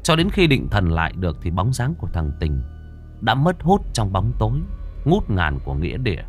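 A male storyteller narrating a ghost story in a tense, expressive way. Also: on the low side, moderate pace, faint music behind.

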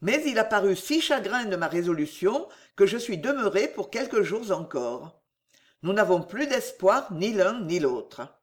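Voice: mid-range voice, big pitch swings, measured pace. A reader voicing a young knight, a sad and respectful son, in an audiobook. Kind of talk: audiobook character reading.

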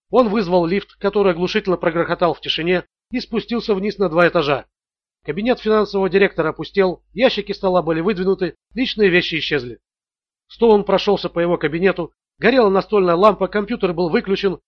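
A man narrating an audiobook thriller in a steady, measured reading. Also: sits high, no echo. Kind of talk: scripted narration. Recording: dull, dry audio.

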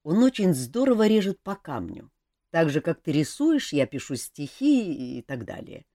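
A woman reading a calm older male leader. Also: deep voice, normal speed, no echo, clean studio sound, full character voice.

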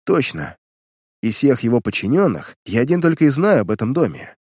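A man's voice: medium pitch, big pitch swings, brisk, a little mellow, husky, no room sound. Captive male spy, proud but beaten, giving short grudging answers in a dry audiobook read, voiced by a male narrator. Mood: resigned. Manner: terse, reluctant answers.

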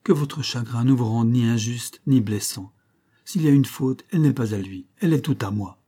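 A man's voice: medium pitch, normal speed, warm tone, breathy edge, close to an everyday voice. A man reading aloud and voicing a young woman in love, pleading urgently and emotionally. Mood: resolute.

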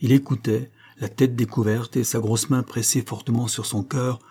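A man reading a French novel aloud as audiobook narration, measured and even. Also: medium pitch, slightly rough. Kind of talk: scripted narration.

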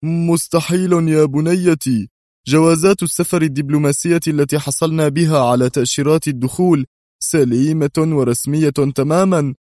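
A man's voice: a little high, warm tone, no echo, clean studio sound, lightly acted. A man voicing a firm, fatherly older man in an audiobook. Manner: firm, slow.

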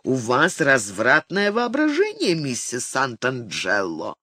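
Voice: medium pitch, huge pitch swings, slow pace, sharp tone, breathy edge, dry recording, studio quality, voice pushed down, exaggerated voice. An audiobook reader voicing an easygoing man who jokes and coaxes. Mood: playful. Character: easygoing joking man, friend.

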